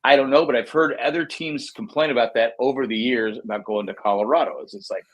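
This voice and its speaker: Husky-voiced man rambling about baseball. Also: medium pitch, fast, rough recording. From United States. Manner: rambling, repeats words, frustrated fan tone. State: has the hiccups. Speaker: co-host of a baseball podcast. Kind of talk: casual sports chat.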